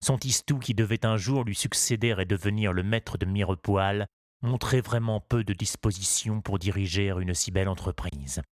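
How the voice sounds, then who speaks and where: Low-voiced man reading a story aloud. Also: dry recording, studio quality. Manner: measured, expressive reading. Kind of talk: scripted storybook narration.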